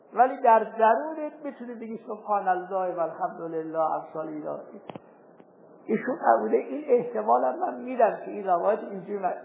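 A man teaching a seminary jurisprudence lesson, reciting Arabic texts slowly and deliberately, then explaining them in plain everyday speech. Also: sits high, gravelly. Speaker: religious teacher. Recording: tinny phone-like recording with faint hiss.

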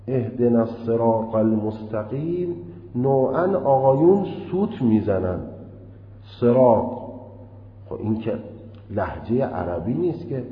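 Male seminary lecturer, deliberate and animated, dull lo-fi recording with long hall reverb. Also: mid-range voice. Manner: deliberate, chanting quoted recitations. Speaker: seminary teacher. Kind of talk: jurisprudence lecture.

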